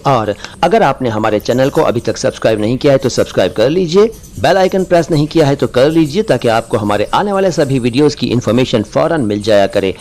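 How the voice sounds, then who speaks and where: A man with an Indian Hindi-Urdu accent hosting a short pronunciation lesson, speaking clearly and deliberately, stressing and repeating words. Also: medium pitch, darkish tone. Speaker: language teacher and channel host.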